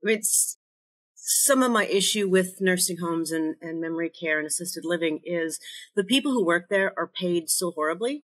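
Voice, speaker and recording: A woman's voice: fairly low pitch, moderate pace, fairly bright tone. Earnest woman guest, born in Chile. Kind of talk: casual interview chat.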